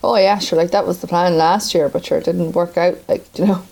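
A woman's voice: on the low side, fairly even intonation, brisk, gravelly, a little mellow, rough recording. Chatty Irish woman in casual conversation. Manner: chatty, colloquial. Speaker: podcast co-host. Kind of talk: casual chat.

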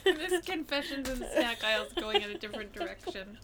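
A woman's voice: sits high, lively intonation, brisk, over a noisy crowd. A young adult woman co-hosting a casual chat, teasing her partner in a playfully dramatic way. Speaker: podcast co-host.

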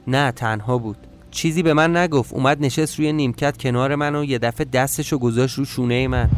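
A man of middle pitch reading a scripted first-person story for a podcast. His telling is calm, measured and matter-of-fact, with faint music underneath. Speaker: podcast narrator.

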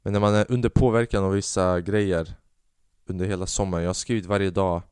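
A man with a fairly low, smooth voice tells a story on his podcast in a loose, casual monologue. He is animated, swears freely and acts out the people in the story. The sound is dry and close, with no room around it. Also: dry recording. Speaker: podcast host; stand-up comedian.

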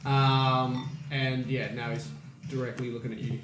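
A man's voice: mid-range voice, flat delivery, unhurried, fairly bright tone, distant mic. A man running a tabletop game as game master, describing the action in a loose, hesitant way with many fillers. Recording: roomy, off-mic home recording with noise.

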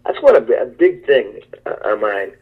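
A man's voice: mid-range voice, sing-song, moderate pace, breathy edge, phone-quality sound. A man, a guest musician, talking in a rambling, enthusiastic and self-deprecating way over a speakerphone line during a phone interview. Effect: heard over a speakerphone line.

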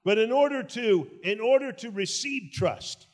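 An older man preaching a sermon in short, emphatic phrases, pausing for an interpreter and playfully repeating himself. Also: high voice, animated, darkish tone. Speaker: guest preacher. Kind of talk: sermon delivered through an interpreter.

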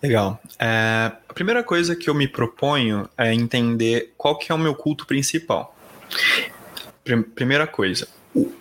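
A man's voice: medium pitch, animated, measured pace, fairly bright tone. Reflective Paulistano man explaining patiently. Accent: Paulistano Brazilian Portuguese. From São Paulo, Brazil. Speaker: podcast guest. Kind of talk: conversational interview.

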